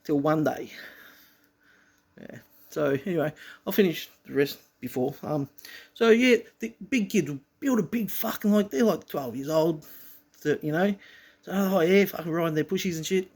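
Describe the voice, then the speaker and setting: A man with a husky voice tells his own story, swearing freely and pressing hard on his words. His pitch sits a touch high and swings widely from line to line. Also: lively intonation, normal speed, a little mellow. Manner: profane, emphatic storytelling. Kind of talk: personal monologue.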